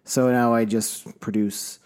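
Relaxed forty-year-old man, plain voice. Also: medium pitch, slow, clear, resonant tone. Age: 40s. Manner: relaxed, plain, with many uh fillers. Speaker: music producer and guest. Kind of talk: casual chat.

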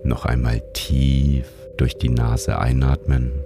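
A man narrates a guided sleep meditation in a soothing, calm manner, like a sleep-story narrator. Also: very deep voice, takes it slowly, music in the background. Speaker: meditation guide and show host.

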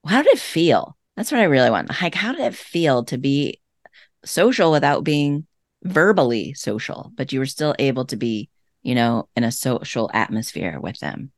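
A woman's voice: very deep voice, very animated, moderate pace, no room sound, studio quality. A woman hosting a podcast interview, affirming her guest and asking questions with enthusiasm. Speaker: podcast host. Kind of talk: casual interview conversation.

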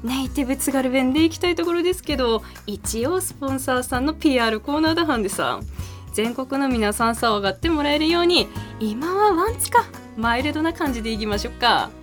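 A woman's voice: high-pitched, animated, fast talker, soft background music. A woman with a Tsugaru accent hosting a radio show in a studio, presenting dialect in a chatty style. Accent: Tsugaru (Aomori).

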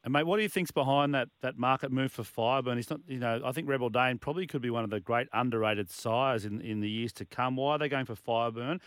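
Australian male co-host, fast casual racing talk, dry studio mic. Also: medium pitch, fairly bright tone, smooth, no echo. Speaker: sports radio co-host. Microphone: close studio microphone.

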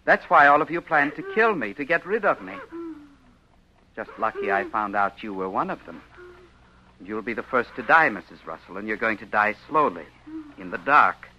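A paranoid madman who keeps his voice low and calm while he threatens his captive. His tone is very bright and cutting, with a creepy evenness in the style of 1940s radio acting. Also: moderate pace, dull audio, slight background noise, heavily acted. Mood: paranoid menace. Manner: quiet, menacing, creepy calm. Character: paranoid soft-spoken male madman captor.

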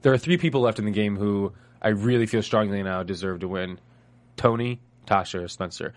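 A man hosting a casual panel chat, talking loudly and excitably as he rambles through his analysis. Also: lowish voice, fairly quick. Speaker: host.

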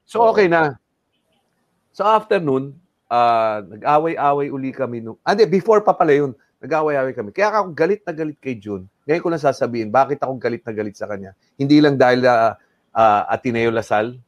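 This is a brisk, medium-pitched middle-aged man telling an animated story as an interview guest. He moves between Tagalog and English and acts out people's words. There's no room sound, though the audio is dull.

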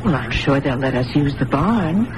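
A woman's voice: very deep voice, animated, normal speed. An actress playing an earnest, troubled blind girl in a radio drama. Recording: noisy old radio broadcast.

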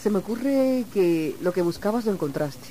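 Woman, interview host, effusive, praising, mellow tone. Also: medium pitch, lively intonation, normal speed, slight background noise. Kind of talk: broadcast interview.

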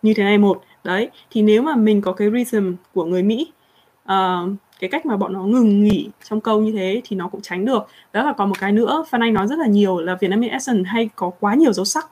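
A young woman hosting a casual live chat, answering viewer questions in a chatty, animated way. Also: medium pitch, quick pace, slightly rough. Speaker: livestream host.

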